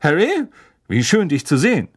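A pompous, haughty teenage boy who speaks in a stiff, formal way, a little higher than a plain reading voice, as a male reader puts him on. He sounds self-important in this storybook reading. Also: wildly swooping pitch, normal speed, husky, heavily acted.

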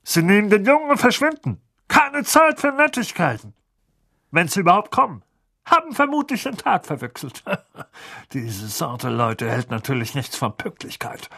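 Brief: male reader voicing a grating, bright-edged, short-tempered middle-aged uncle in an audiobook. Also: medium pitch, fairly even intonation, slow pace, vocal fry, breathy edge, heavily acted. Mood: irritable. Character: blustering stout middle-aged uncle, irritable. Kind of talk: audiobook character voice.

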